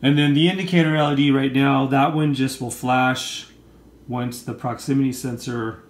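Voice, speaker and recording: Speaking at normal speed with fairly even intonation, a man with a mid-range voice gives an informal, explanatory demonstration of a product. He's at a table in an indoor room; the audio is roomy, with faint noise in the background.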